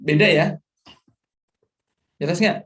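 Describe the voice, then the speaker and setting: A man's voice: a little high, slow, a bit bright. A middle-aged male lecturer, explaining course material and often checking that students follow, mixing English terms into his talk. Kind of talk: online lecture.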